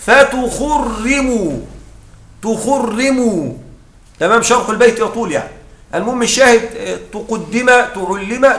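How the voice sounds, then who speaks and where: A man teaching a grammar lesson, often checking that his students follow and reciting quoted lines slowly. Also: sits high, fairly bright tone, reverberant. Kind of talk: classroom lesson explaining a text.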